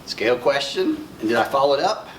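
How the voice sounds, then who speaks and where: Speaking briskly with lively intonation and a medium pitch, a middle-aged man with an Arkansas accent leads a workshop as a conference instructor; he's from Arkansas, United States. He talks conversationally, posing questions and echoing the replies. Faint room noise and a distant mic make the conference room recording sound roomy.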